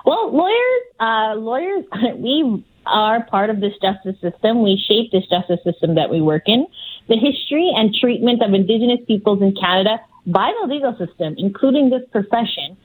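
A woman's voice: on the high side, sing-song, moderate pace, rough recording. A woman legal director answering interview questions earnestly, often restarting phrases and searching for words.

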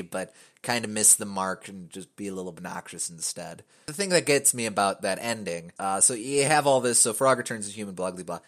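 A man with a fairly low voice hosts a casual podcast chat. He rambles and hedges, restarting his sentences and filling the gaps with "uh." His humor stays wry and offhand throughout. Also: a bit bright. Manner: rambling, many fillers and restarts; wry, joking. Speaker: podcast host.

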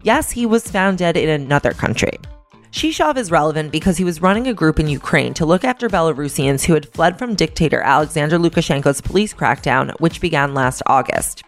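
A woman's voice: low voice, expressive, a little fast, soft background music. A woman hosting a news podcast, reading scripted briefings and sponsor copy in an informal, wry manner.

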